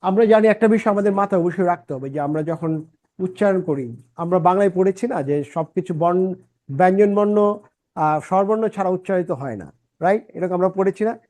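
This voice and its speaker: A man's voice: high voice, a little fast, darkish tone. Man drilling pronunciation. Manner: drills sounds by repeating them, asks "right?" often. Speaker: English teacher and channel founder. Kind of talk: pronunciation lesson.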